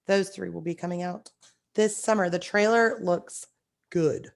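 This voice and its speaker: Hoarse, raspy-voiced woman podcast host. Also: fairly low pitch, unhurried. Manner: animated storytelling, enthusiastic. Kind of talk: casual chat.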